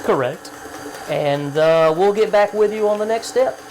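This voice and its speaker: A man's voice: sits high, moderate pace, a little mellow, a little hiss or hum. A man co-hosting a home cooking video, teasing his wife good-humoredly and reading out the ingredients. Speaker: co-host, husband. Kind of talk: casual cooking chat. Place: home kitchen.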